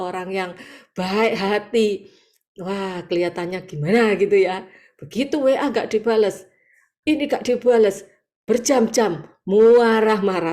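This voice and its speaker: A woman with an East Javanese accent preaching a sermon over a video call, lively, acting out quoted voices and laughing often. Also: mid-range voice. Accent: East Javanese Indonesian. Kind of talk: sermon at an online morning prayer meeting. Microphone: video call audio.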